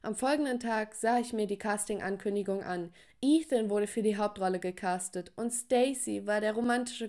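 A woman's voice: fairly high pitch, a little mellow. A woman telling a first-person story in a dramatic style, with sighing exclamations, over faint music. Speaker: narrator.

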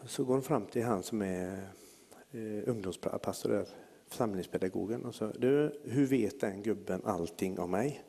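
A man's voice: fairly low pitch, vocal fry, husky, in a large hall. A man preaching, telling a story in a sermon and acting out the people in it. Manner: lively anecdotal preaching with acted-out quotes.

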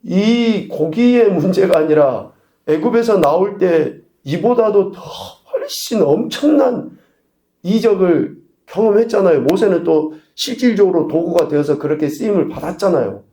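A male pastor preaching a sermon, asking the congregation rhetorical questions and swinging between loud emphasis and quiet asides. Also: high-pitched, expressive, a little slow, roomy sound. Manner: preaching with rhetorical questions and sudden shifts in volume. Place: church sanctuary.

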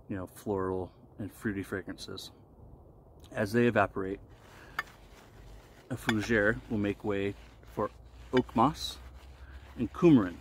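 A vlogger who reviews shaving products talks to the camera in a relaxed, explanatory way while he shaves. His voice is low-pitched and his phrasing deliberate and halting, and he's recording outdoors in a wooded clearing with some surrounding ambient noise.

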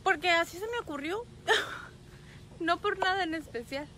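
A woman's voice: very high voice, lively intonation, normal speed, noisy background. A woman truck driver, chatting casually with viewers on a live stream from a phone outdoors at a rest area, greeting them by name and laughing often. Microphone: phone held at arm's length.

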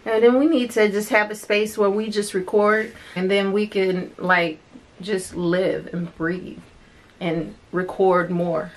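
A woman's voice: medium pitch, steady tone, slow pace. A woman chatting casually for a vlog, teasing and laughing as she tells stories. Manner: teasing, laughs often, playful storytelling. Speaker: vlogger. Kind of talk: casual chat.

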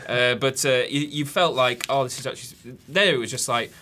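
A man's voice: medium pitch, brisk, sharp tone, a little hiss or hum. A man co-hosting a casual podcast chat, hesitant with many fillers and frequent laughter. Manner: hesitant, full of uhs, laughs often. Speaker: podcast co-host.

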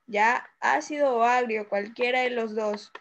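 Peruvian lady teacher, high voice, patient, keeps asking if the kids follow, a bit of hiss on the call. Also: a little slow, lo-fi sound. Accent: Peruvian Spanish. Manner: patient, checks in often with "¿ya?". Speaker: primary school teacher. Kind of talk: online class, going over an exam. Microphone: video call.

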